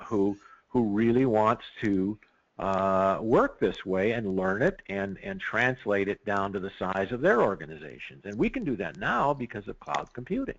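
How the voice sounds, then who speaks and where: A consultant explains his field with plenty of enthusiasm and a gravelly edge to his voice. His pitch swings widely as he talks, and he keeps stopping and starting his sentences. The man's voice comes through dull lo-fi audio. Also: normal speed. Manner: animated, excitable, many restarts. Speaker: risk management consultant. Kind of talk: podcast interview.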